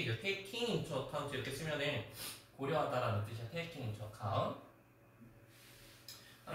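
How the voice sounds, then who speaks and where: A man teaching an English class, quizzing students by name and sometimes scolding them in an animated way. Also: on the high side, a little hiss or hum. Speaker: high school English teacher. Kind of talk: classroom lecture. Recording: echoey classroom from far off.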